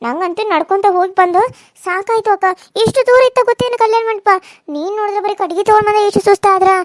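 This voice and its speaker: A woman's voice: extremely high pitch, quick pace, no room sound, clean studio sound. A woman voicing a pampered young sister-in-law, who is chatty and sly and feigns sympathy. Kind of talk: cartoon voice acting.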